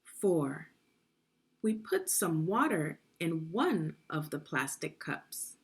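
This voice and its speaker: Low-pitched, very animated and slow, a woman leads a guided children's story. She enunciates clearly in an instructive tone, speaking to young learners and asking them questions as she reads.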